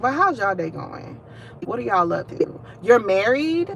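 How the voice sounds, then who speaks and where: A woman's voice: medium pitch, sing-song, measured pace, creaky, a little hiss or hum. A young woman, hosting a casual livestream, chatting and venting directly to her viewers. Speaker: livestream host.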